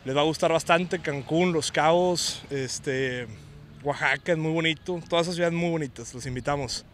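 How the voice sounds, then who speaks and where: A man's voice: on the high side, moderate pace, a bit bright, slight background noise. A man with a Mexican Spanish accent, a tourist enthusiastically talking in a street interview.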